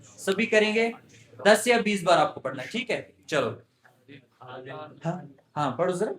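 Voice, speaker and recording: A man teaching a Quran recitation class, patiently drilling his students and repeating words slowly. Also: high-pitched, expressive, reverberant, a crowd in the background.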